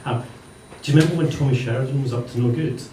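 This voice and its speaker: A man's voice: medium pitch, racing, dark tone, reverberant. Male stand-up comedian, Hebridean Scottish accent, wry delivery, distant mic, faint background noise. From Western Isles of Scotland. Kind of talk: live stand-up comedy monologue. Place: live comedy venue with audience.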